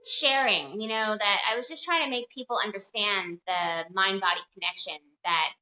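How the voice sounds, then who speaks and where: Bright-voiced woman in an echoey room. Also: medium pitch, normal speed. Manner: earnest, candid storytelling. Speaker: chiropractor, interview guest. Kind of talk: casual interview storytelling. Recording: dull, echoey room sound.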